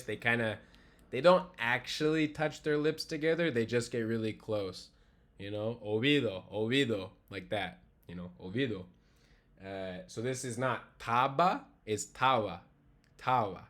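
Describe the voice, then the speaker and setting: A man teaching a language class over a video call, explaining casually and repeating words slowly to show how they sound. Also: mid-range voice, fairly bright tone. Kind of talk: online class lecture.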